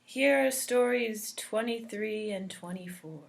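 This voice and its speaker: A woman storyteller narrating a trickster folktale in an expressive, deliberate and dramatic way. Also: mid-range voice, creaky.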